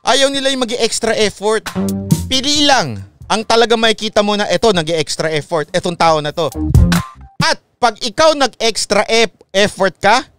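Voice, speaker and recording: A man's voice: sits high, normal speed, over music. A man hosting a casual live-stream commentary, repeating his points and checking in with listeners. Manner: animated, repeats points, asks listeners "okay?". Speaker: online commentary host.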